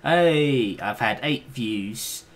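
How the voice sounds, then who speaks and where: A man's voice: deep voice, moderate pace, a bit bright. A man streaming a game, chatting casually with hesitant, rambling talk and the odd swear. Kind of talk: casual gaming stream chat.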